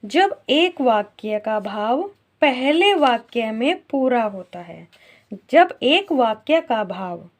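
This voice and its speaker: A woman's voice: a little high, very animated. A woman teacher explaining a grammar lesson to young pupils, asking questions and then answering them herself. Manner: slow, questioning, answers her own questions.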